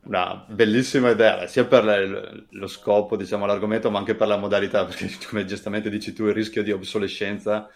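A man's voice: lowish voice, flat delivery, a little fast, creaky, hardly any pauses. A man hosting a podcast interview, affirming his guest and adding musing asides. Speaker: podcast host.

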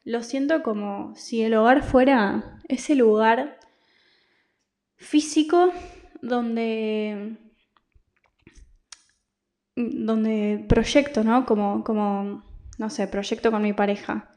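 A woman's voice: a little high, extremely slow, long pauses, dark tone. A young Argentine woman hosting her podcast, talking in a rambling, confiding personal monologue with many restarts. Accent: Argentine Spanish. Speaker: podcast host.

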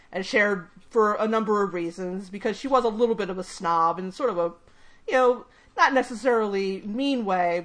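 A woman co-hosting a casual podcast chat, rambling through her points with many restarts. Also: medium pitch. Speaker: podcast co-host.

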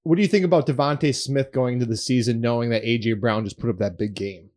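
A man's voice: medium pitch, quick pace, darkish tone. Analytical man co-hosting a podcast. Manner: inquisitive, analytical. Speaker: podcast co-host. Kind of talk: casual sports podcast chat.

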